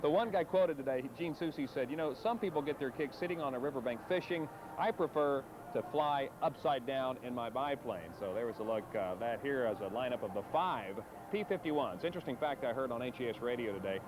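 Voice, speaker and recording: A man co-anchoring live TV event coverage in a relaxed, conversational way with filler pauses, heard from a worn VHS tape copy. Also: mid-range voice, noisy background. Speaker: TV news co-anchor.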